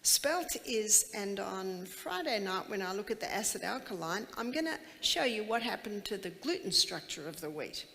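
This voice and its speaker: A woman's voice: mid-range voice, very animated, moderate pace, vocal fry, hardly any pauses, bright, forceful tone. Woman, seminar speaker, quizzes the crowd emphatically; reverberant hall sound. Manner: emphatic, asks many rhetorical questions. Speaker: health educator giving a seminar. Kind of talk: live lecture to an audience.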